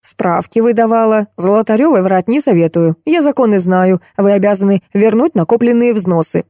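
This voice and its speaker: A woman's voice: medium pitch, normal speed, mellow, no room sound, clean studio sound, lightly acted. A woman voicing a cantankerous elderly retired court clerk who scolds and accuses everyone in a grumpy, combative way. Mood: scolding. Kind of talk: audiobook character voice.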